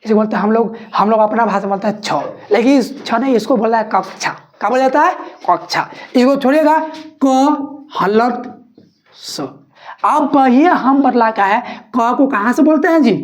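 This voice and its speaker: A woman teacher giving an exam-prep lesson, asking questions and answering them herself while repeating each point. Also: on the high side.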